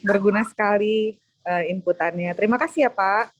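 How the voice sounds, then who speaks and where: A woman's voice: medium pitch, a little fast. Woman host on a video call, thanks the speaker politely.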